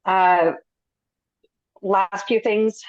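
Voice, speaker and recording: A woman giving a businesslike meeting update over a video call, with a spotty, breaking-up connection and frequent "um" pauses. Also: mid-range voice, steady tone, no room sound. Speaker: conservation district staff giving an update. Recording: dry, muffled video call audio.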